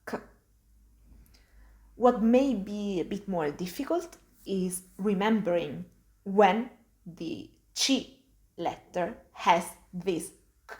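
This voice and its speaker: Italian-accented woman teacher, mid-pitched, unhurried, repeats every sound with care. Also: a little mellow. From Italy. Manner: repeats each sound slowly and clearly. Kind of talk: slow, careful pronunciation lesson.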